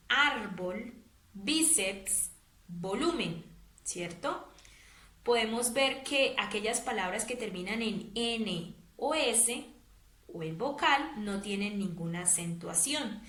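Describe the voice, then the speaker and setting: A woman's voice: fairly high pitch, a bit bright. A woman teacher giving a patient grammar lesson for young pupils, often checking in with short tag questions. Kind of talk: classroom grammar explanation. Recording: echoey room.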